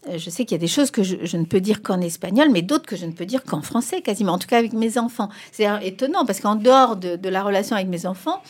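Animated and fast, with hardly any pauses, a middle-aged expert whose first language is Spanish answers interview questions. She speaks emphatically, and her pitch shoots up on key points.

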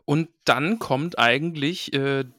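A man's voice: on the high side, slow, sharp tone, no echo, studio quality. A man co-hosting a casual podcast, chattily retelling a book chapter with playful voiced quotes. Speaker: podcast co-host.

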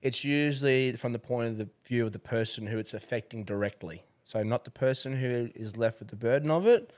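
An Australian man hosts a casual podcast interview. He has a laconic outback drawl and speaks in a sincere, plain-spoken way at a middling pitch. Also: fairly quick, a little mellow. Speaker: podcast host.

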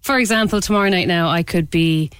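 A woman's voice: lowish voice, brisk, fairly bright tone, clean tone, no echo, studio quality. Chatty woman with a west of Ireland accent. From County Clare, west of Ireland. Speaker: interview guest, improv performer. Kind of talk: casual radio interview chat.

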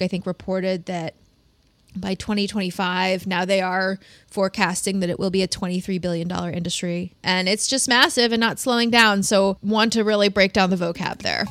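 Female podcast host, mid-pitched, vocal fry, casual chatty advice delivery, dry recording. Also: steady tone, moderate pace, a bit bright, dry recording. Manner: casual, peppered with "like".

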